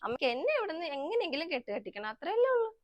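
A woman's voice: very high-pitched, sing-song, rapid-fire, highs cut off, background noise. A woman voicing an indignant, sarcastic young wife in a comedic family skit. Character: young wife, fed-up, sharp-tongued.

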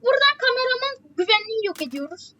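Very high-voiced woman explaining a game. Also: very animated, fast, bright, forceful tone, low-quality recording. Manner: chatty, repeats warnings over and over. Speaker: gameplay walkthrough host. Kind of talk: casual game tutorial commentary.

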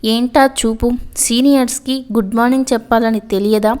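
A woman reader puts on mocking young male college seniors in a spoken story. They tease and scold in a voice that stays a little high. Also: steady tone, brisk, a little mellow, lightly acted. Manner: teasing, scolding.

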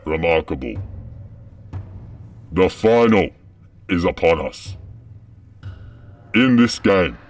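A man's voice: low voice, lively intonation, takes it slowly, long pauses. A man playing a cold masked game master, making formal, menacing announcements. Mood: cold menace. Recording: distant voice over music.

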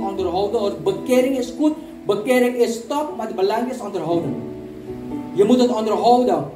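A man, preaching a sermon as a church elder, emphatic and repeating key words while calling out to the congregation. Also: very high-pitched. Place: church service hall. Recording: echoey hall, distant mic, music behind.

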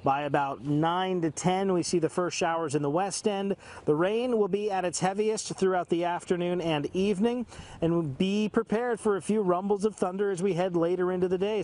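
Higher-pitched male TV weather forecaster. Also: fairly even intonation, moderate pace, a little mellow. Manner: conversational, fluent broadcast delivery. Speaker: television meteorologist. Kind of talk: live weather forecast presenting. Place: outdoors in a city park.

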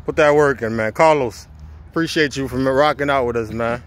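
A man's voice: medium pitch, fairly quick. A man hosting a casual outdoor street interview, with hyped, slangy banter. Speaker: vlogger host. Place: outdoors in a park.

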